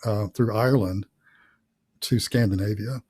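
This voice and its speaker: Mellow, husky man rambling on a call. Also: fairly low pitch, fairly even intonation, unhurried. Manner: rambling, thinks aloud with many fillers. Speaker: author and host. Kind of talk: casual interview chat.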